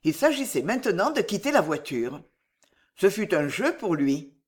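Expressive fable reader, lively pitch. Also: moderate pace. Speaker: storyteller. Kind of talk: reading a medieval fable aloud.

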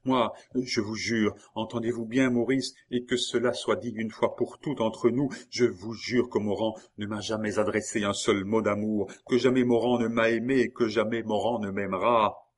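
A man's voice: lowish voice, fairly even intonation, moderate pace, lightly acted. A man reading aloud, voicing a tender, anxious young married woman with a raised, pleading, emotional delivery. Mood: fervent. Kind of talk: audiobook character voice.

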